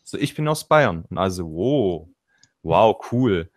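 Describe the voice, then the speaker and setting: Joining by video call as a panel guest, a man with a Swabian accent and a low voice speaks slowly with wide pitch swings. The political chat is casual, and he rambles, interrupts himself, and acts out quotes.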